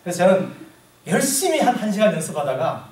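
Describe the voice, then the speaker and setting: Male pastor, high-pitched voice, preaching with slow emphatic readings; mic set back in a roomy church. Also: very animated, darkish tone, far from the mic. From South Korea. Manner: slow, emphatic scripture reading with congregation asides. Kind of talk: sermon.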